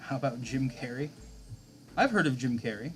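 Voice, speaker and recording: A man's voice: mid-range voice, expressive, normal speed, soft background music. A man in his thirties, a game streamer, chatting casually with his viewers late at night, chuckling often as he answers chat.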